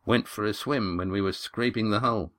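A man voicing a gruff old sailor. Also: lowish voice, moderate pace, a bit bright, natural voice. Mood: matter-of-fact.

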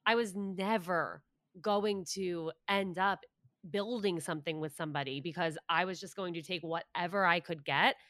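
A podcast host in her late twenties talks candidly and pokes fun at herself, laughing easily. Her voice sits a little low for a woman yet sounds bright and forward. The recording is close and dry, with no room sound. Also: normal speed, no echo. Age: 20s. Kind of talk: casual interview chat.

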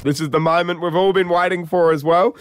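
An Australian man hosting radio in an upbeat style. His voice is fairly high, clean and smooth, with a dry close sound. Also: fairly even intonation, fairly quick, dry recording. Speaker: radio host.

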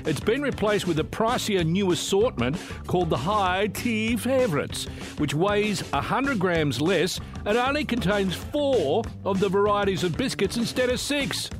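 A man's voice: high voice, expressive, a little slow, over music. An older man with an Australian accent, presenting and chatting as a breakfast radio host. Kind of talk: commercial radio presenting and chat.

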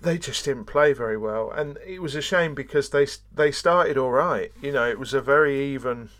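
A man co-hosting a football podcast over a remote line, analysing thoughtfully with a deadpan humour. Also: mid-range voice, moderate pace. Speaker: podcast co-host. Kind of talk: casual football analysis chat. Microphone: remote call.

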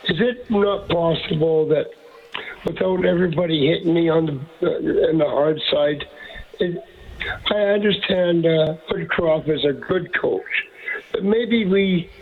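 A man calls in to a radio show and asks a hesitant, rambling question. His voice sits fairly high. It comes through a tinny phone line. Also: measured pace. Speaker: caller. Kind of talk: call-in radio.

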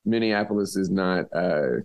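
A man hosting a podcast in casual banter, with a sleepy, just-woken vocal fry in his voice. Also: sits low, unhurried. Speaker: podcast host.

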